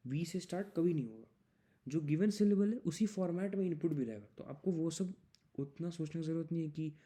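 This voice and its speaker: Young male coding tutor, mellow and warm tone, patient step-by-step explainer mixing English into Hindi. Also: a little high, husky. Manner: explains step by step, mixes English into Hindi, reads problem text aloud slowly. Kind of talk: screen-recorded coding explanation.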